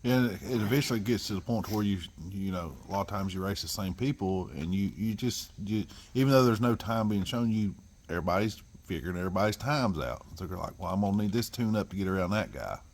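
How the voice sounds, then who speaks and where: A man's voice: fairly low pitch, fast. A man hosting a casual vlog chat, easygoing and rambling. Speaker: host.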